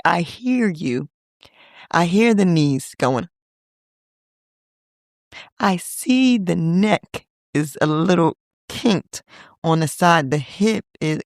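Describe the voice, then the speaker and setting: A woman in her thirties hosting a casual solo podcast, talking in a playful, chatty way with teasing asides and sudden high-pitched exclamations. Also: dry recording, studio quality. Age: 30s. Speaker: podcast host.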